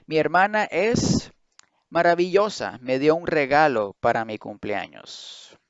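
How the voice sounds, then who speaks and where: A man teaching English pronunciation online, slowly drilling words syllable by syllable and explaining them. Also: a little high, expressive, smooth, dry recording. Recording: dry, dull lo-fi sound.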